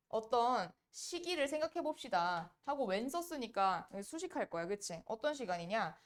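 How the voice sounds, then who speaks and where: Brisk Korean woman teaching English grammar. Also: fairly high pitch. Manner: brisk, quizzing students with rhetorical questions. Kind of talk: exam-prep grammar lecture.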